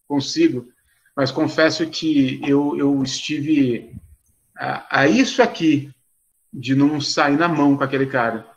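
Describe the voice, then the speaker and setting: Animated pastor telling a story. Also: male voice, a little high, highs cut off. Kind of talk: storytelling talk to a live online audience.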